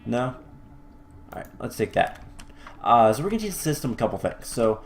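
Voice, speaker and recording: A man's voice: medium pitch, sing-song, a little fast, vocal fry, slight background noise. A man hosting a game let's-play who explains his building as he goes, thinking aloud with fillers and restarts and the odd wry aside. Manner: mildly wry, self-correcting. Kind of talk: casual gameplay commentary.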